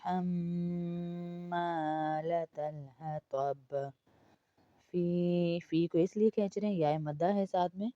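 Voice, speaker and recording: A woman teaching Quran recitation word by word, drawing out each word slowly and then explaining quickly. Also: on the low side, mellow, dry recording, highs cut off. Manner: slow drawn-out recitation alternating with rapid explanations.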